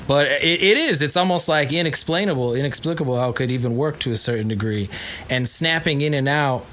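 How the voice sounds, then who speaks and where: A man's voice: medium pitch, brisk, fairly bright tone. A man hosting a casual philosophy podcast, musing aloud, searching for words and joking between points. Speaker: podcast host.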